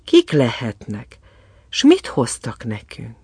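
A man reading a fairy tale aloud in an expressive, storytelling manner. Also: medium pitch, slightly rough, no room sound.

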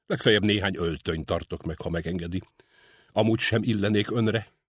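Male reader doing a gruff, insistent old butcher, husky and dry. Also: deep voice, no room sound. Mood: stubborn. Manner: muttering, insistent. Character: grieving older male butcher, stubborn and gruff. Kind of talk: audiobook character reading.

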